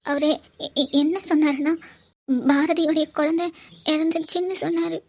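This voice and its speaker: A woman's voice: high-pitched, fairly even intonation, a little mellow. A woman voicing a crying, heartbroken mother. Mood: grieving. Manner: halting, stammering speech. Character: heartbroken mother, grieving for her daughter. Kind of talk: cartoon voice acting.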